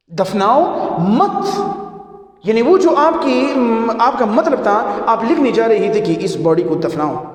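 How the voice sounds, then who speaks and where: Male teacher, Pashto accent, patient repetitive lecturing, high voice in a reverberant room. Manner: explains slowly, repeating phrases with examples. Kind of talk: classroom lecture on punctuation. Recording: echoey room with long reverb.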